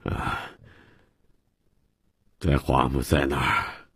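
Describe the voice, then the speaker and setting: A broken, self-pitying drunken father, as a man reads him. He pleads in a low, husky voice, slowly and haltingly. The recording is dry and intimate. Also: flat delivery, fairly bright tone, no echo, exaggerated voice. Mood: pleading. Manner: mumbling, pleading and hesitant.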